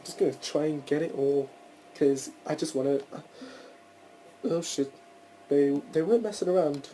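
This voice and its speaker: A man's voice: a little high, moderate pace, dark tone, slight background noise, rough recording. A young man hosting a casual solo podcast, rambling through his thoughts with frequent restarts and the odd swear word. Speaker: podcast host.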